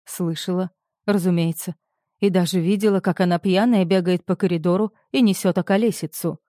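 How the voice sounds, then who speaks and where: A woman reading the part of a hysterical, frightened young woman in an audiobook, shrill and tearful. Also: steady tone, brisk, dark tone, dry recording, clean studio sound, lightly acted. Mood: irritated.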